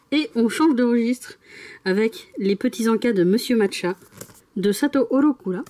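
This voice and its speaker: A young adult woman chatting casually in a vlog, giggling often and getting excited as she talks about her day. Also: fairly high pitch, a little slow. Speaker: vlogger.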